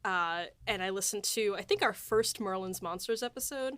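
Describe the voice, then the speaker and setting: On her behind-the-scenes podcast, this female host and writer keeps things casual and chatty, with plenty of fillers and little laughs. She speaks at a moderate pace in a mid-range, slightly bright voice, and the tone is clean with no echo.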